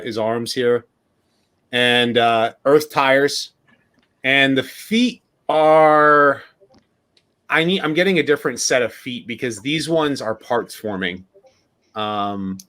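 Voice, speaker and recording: A man in his thirties on a livestream over a video call, talking haltingly while showing off toys. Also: medium pitch, a bit bright. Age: 30s. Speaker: guest collector. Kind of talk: casual livestream chat.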